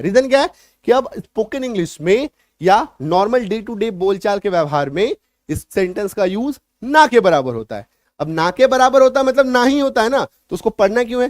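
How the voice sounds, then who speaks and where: A man's voice: sits high, no room sound, clean studio sound. A man teaching spoken English in a casual lesson. He repeats the example sentences in drills and keeps checking in with the class. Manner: repetitive drilling, frequent "ठीक है" check-ins.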